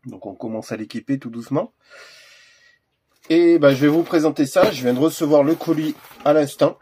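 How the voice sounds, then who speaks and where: A man's voice: fairly high pitch, moderate pace, dark tone, husky. A man hosting a casual unboxing video, talking hesitantly with lots of fillers and restarts. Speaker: gun accessory reviewer.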